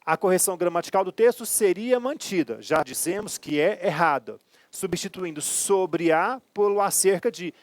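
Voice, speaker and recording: Emphatic Brazilian grammar teacher. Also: male voice, sits high, animated, normal speed, dry recording. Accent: Brazilian Portuguese. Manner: emphatic, checks in with "ok?" and "certo?". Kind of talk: exam-prep grammar lesson.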